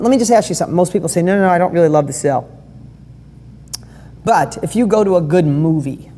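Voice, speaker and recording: Speaking in a fairly low, mellow voice, a woman business coach runs a live online training session with enthusiasm, keeping it conversational and firing off questions to participants, all heard through long hall reverb.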